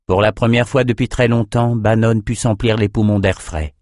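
A man narrating an audiobook in a steady, measured voice. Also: fairly low pitch, no room sound, clean studio sound.

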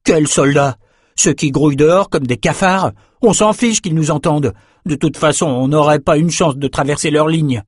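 A man's voice: sits high, lively intonation, brisk, few pauses, breathy edge, no echo, clean studio sound, voice pushed up. A man doing a whiny young noble. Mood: bitter. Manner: bitter, complaining. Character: whiny, angry young male noble prisoner. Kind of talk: audiobook character reading.

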